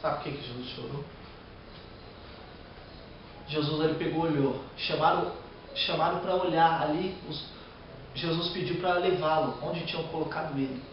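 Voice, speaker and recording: A man's voice: on the high side, normal speed, pauses often, heavy reverb, far from the mic, lo-fi sound, slight background noise. A man preaching a sermon with a Brazilian Portuguese accent, reading scripture aloud and breaking into emotional, rising outbursts.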